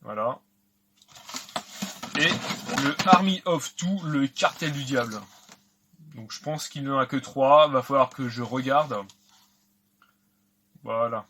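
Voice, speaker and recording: A man's voice: medium pitch, takes it slowly, long pauses, fairly bright tone. Chatty man unboxing games, noisy background. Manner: chatty, hesitant with many fillers. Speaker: video game collector vlogger. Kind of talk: casual unboxing commentary.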